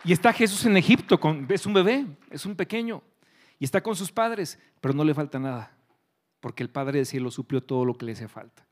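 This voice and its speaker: A middle-aged man preaching a sermon, leading the congregation in loud call-and-repeat and swinging from shouting to hushed tones. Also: on the high side, lively intonation, fairly quick. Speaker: pastor.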